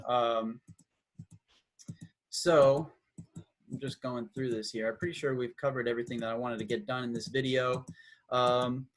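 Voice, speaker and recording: A man's voice: mid-range voice, fairly even intonation, a little slow, long pauses. A man giving a casual, slightly awkward music lesson who counts beats aloud as he explains. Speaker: music teacher.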